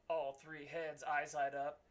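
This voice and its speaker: Middle aged guy, bright punchy voice, game master chatting about his campaign, wry little asides. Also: mid-range voice. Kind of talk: casual storytelling chat.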